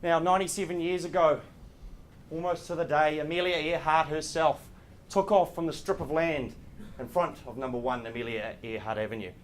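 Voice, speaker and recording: New man auctioneer, higher-pitched voice. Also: fairly even intonation, normal speed. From New Zealand. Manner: polished, courteous public speaking. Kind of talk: auctioneer's patter, formal property auction presentation. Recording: clear background room noise.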